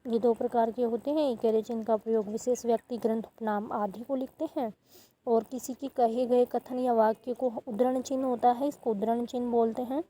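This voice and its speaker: A woman's voice: on the high side, steady tone, fairly quick, warm tone, rough recording. A woman teaching a grammar lesson, explaining step by step and stopping to correct herself.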